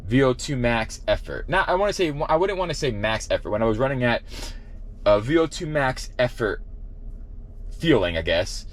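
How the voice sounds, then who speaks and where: A man's voice: medium pitch, very animated, normal speed. A man giving an informal vlog recap, often correcting himself as he explains. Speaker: running vlogger and shoe reviewer. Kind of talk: casual workout recap to camera.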